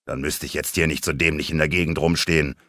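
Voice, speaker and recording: A man's voice: extremely low pitch, flat delivery, fast, fairly bright tone, no echo, clean studio sound. A man playing a bored, sardonic temple guard in a comic video game. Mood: grumbling, impatient. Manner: sardonic, grumbling. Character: bored, grumbling male temple guard, menacing warrior.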